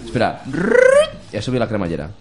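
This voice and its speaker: A man's voice: lowish voice, lively intonation, fairly quick, darkish tone. A man joking crudely and talking over others in casual podcast banter.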